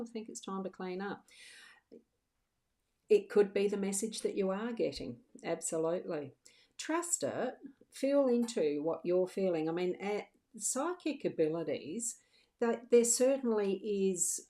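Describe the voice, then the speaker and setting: A middle-aged Australian psychic medium doing live card readings chats reassuringly with her livestream viewers, often starting her sentences over. Her voice is fairly low and a bit dark in tone.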